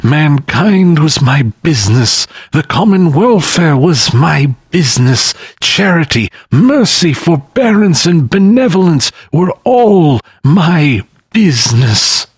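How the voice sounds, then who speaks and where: A man's voice: fairly high pitch, sing-song, slow, few pauses, breathy edge, dry recording, studio quality, voice pushed up, heavily acted. A man voicing the anguished, chained ghost of an old businessman in a dramatic audiobook reading, wailing and declaiming.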